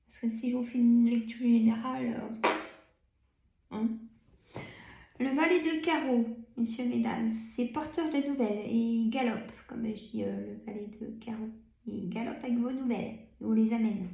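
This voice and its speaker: A tired woman with a Burgundy French accent, chatting as she reads tarot cards, full of fillers and soft laughs. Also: fairly high pitch, normal speed, gravelly, echoey room. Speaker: tarot card reader. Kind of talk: casual card-reading video.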